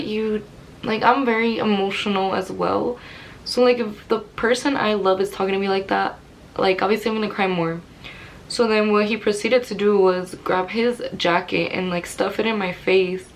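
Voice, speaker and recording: Young woman, middle pitch, chatty rambling vlog story, bit of low rumble behind. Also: poor audio. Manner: candid, rambling, many "like" fillers. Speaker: vlogger. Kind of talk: personal storytelling to camera.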